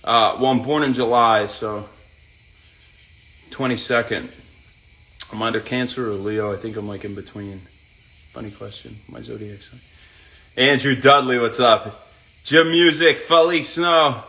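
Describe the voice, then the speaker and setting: A man's voice: medium pitch, steady tone, unhurried, long pauses, pushed and bright, a little hiss or hum. A man hosting a casual live stream, reading out viewers' names one by one and greeting each as he works out. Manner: chats while working out.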